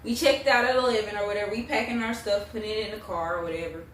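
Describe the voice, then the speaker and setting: A woman's voice: medium pitch, quick pace. A young adult woman telling a personal story in casual, slangy, blunt vlog chat, swearing freely. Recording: roomy echo, distant mic, faint noise.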